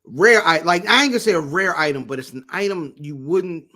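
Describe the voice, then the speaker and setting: A man's voice: a little high, fairly quick, bright, forceful tone. A man co-hosting a podcast, telling loose, slangy stories in casual chat. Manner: laid-back storyteller, slangy, repeats "you know what I'm saying". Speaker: podcast co-host.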